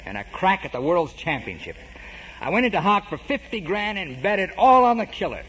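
A man's voice: high voice, sing-song, fairly quick, a bit bright, breathy edge, exaggerated voice. An actor playing a boastful fight manager in a 1940s radio comedy, telling his story with wry comic timing. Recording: lo-fi old radio broadcast with hiss.

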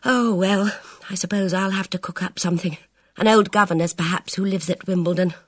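Woman reader as a guarded young woman, raised pitch, clipped and level, dry close sound. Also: fairly even intonation, brisk, no room sound, lightly acted. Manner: clipped and composed, a bit grim. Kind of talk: audiobook character reading.

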